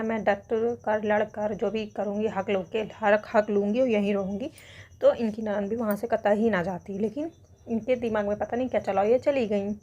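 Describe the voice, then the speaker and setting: A woman's voice: a little high, a little mellow. A young adult woman giving opinionated vlog commentary, addressing her subject directly in a scolding, lecturing tone. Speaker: commentary vlogger. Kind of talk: opinion commentary on an online controversy.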